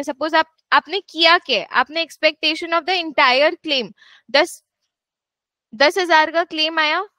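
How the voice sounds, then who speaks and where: High, bright-voiced woman tutor lecturing slowly. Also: no echo. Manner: firm, scolding asides to students. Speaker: actuarial exam tutor. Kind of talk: classroom lecture mixing Hindi and English. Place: classroom.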